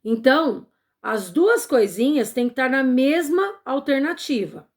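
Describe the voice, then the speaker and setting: High-voiced Brazilian woman teaching kids. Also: lively intonation, a little slow. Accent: Brazilian Portuguese. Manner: patient, explains step by step with frequent "tá?" checks. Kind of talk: remote Portuguese lesson for children.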